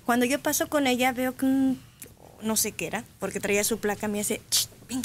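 A Mexican woman on a radio show, telling a lively story and acting out quotes. Her voice sits a little high. Faint background noise. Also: brisk. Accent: Mexican Spanish. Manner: lively anecdote with acted quotes. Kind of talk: casual radio chat, storytelling.

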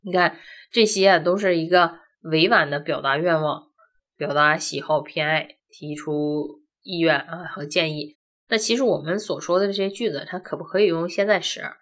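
In a classroom-style grammar lesson, a language teacher who speaks Chinese natively walks through every point in order, frequently posing rhetorical questions. She has a low, fairly bright voice at a moderate pace.

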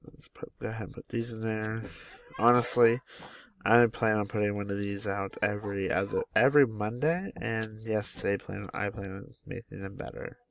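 A man's voice: lowish voice, steady tone, normal speed, creaky. A young man at home casually commenting on a game mod, chatty and easily delighted as he names each animal that appears. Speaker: gaming YouTuber.

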